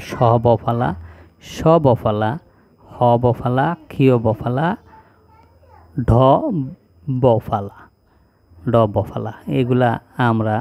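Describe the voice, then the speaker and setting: A male teacher, slowly reciting a spelling lesson item by item in an even drill. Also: mid-range voice, clear, resonant tone, no echo, dull audio. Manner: slow, even, drilling one item after another.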